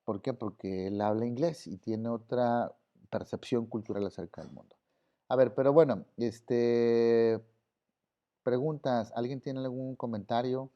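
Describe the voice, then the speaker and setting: A man's voice: mid-range voice, unhurried. A man with a Mexican accent teaching an online class in a casual way, full of fillers. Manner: casual, many fillers like "este". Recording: slightly dull audio.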